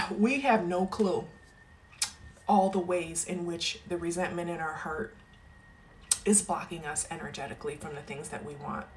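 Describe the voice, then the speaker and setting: A woman's voice: fairly low pitch, steady tone, measured pace, long pauses, fairly bright tone, a little hiss or hum. A woman wellness coach giving a motivational talk, emphatic and emotional, checking in with "okay?" after nearly every point. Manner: emphatic, keeps adding "okay?"; emotional, close to tears.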